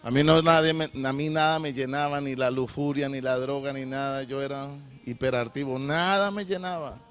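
A middle-aged man preaching a sermon, swinging from loud shouted appeals to low, confessional testimony. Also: fairly even intonation, normal speed.

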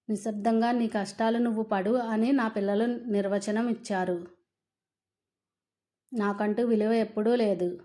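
A woman narrating a first-person family story in a steady, subdued reading. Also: mid-range voice.

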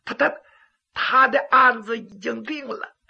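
A storyteller as a raspy, blustering corrupt magistrate. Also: male voice, high voice, takes it slowly, highs cut off, heavily acted. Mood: frightened, stammering. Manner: dramatic, stammering when frightened. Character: corrupt greedy county magistrate, blustering yet cowardly.

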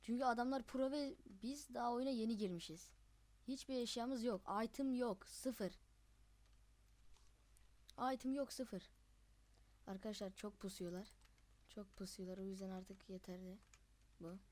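A medium-pitched young voice delivers live gameplay commentary, full of chatter and excitement. Setbacks bring quick yelps of frustration.

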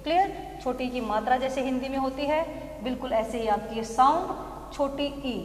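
A woman teaching a phonetics lesson, slowly repeating example words and asking "clear?" after almost every point. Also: high voice. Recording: echoey hall with long reverb.

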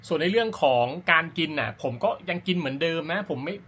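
A man's voice: on the high side, lively intonation, fast, bright, forceful tone, slightly rough. A man talking casually as an amateur running vlogger, explaining his routine in an informal, rambling, self-correcting way. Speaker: amateur runner hosting a running vlog. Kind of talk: casual talk to camera about personal routine.

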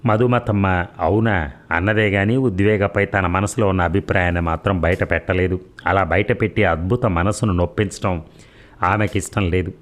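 A male storyteller with a very deep, low voice. He reads a serialized story in a calm, measured way. The delivery is plain scripted narration.

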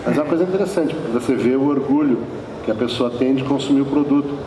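A man's voice: medium pitch, quick pace, noisy background. A man interviewing a guest on stage, prompting him with questions. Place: large conference hall, on stage. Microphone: handheld mic, far camera. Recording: roomy hall from far off.

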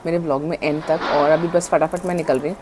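A woman in her thirties chats casually to camera as a vlogger, mixing Hindi and English in a low voice with fairly even intonation and a quick pace. She is recorded with a lapel mic on a home patio, with background noise and background music.

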